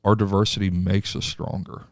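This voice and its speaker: A man, a pastor hosting a casual podcast chat with halting restarts and easy laughs. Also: low voice, flat delivery, dry recording, clean studio sound.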